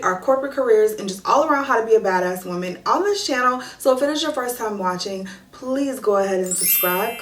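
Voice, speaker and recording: A woman's voice: fairly high pitch, a bit bright, far from the mic. A woman in her thirties talking straight to her viewers in an upbeat, chatty vlog, hyping them up about the year ahead. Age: 30s. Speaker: lifestyle vlogger. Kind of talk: upbeat direct-to-camera vlog chat. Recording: echoey room with faint music.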